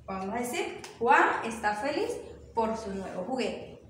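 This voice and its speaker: Slow, lively woman teacher in an echoey room. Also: a little high. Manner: slow, patient, spells words out one by one. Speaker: first-grade teacher. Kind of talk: recorded language lesson for young children. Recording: very echoey room, voice from far off, faint hiss.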